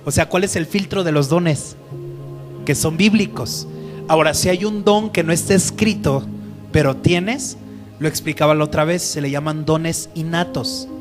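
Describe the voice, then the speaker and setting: A man's voice: a little high, normal speed, over music. A man teaching the Bible to a group in a conversational way, often asking them questions.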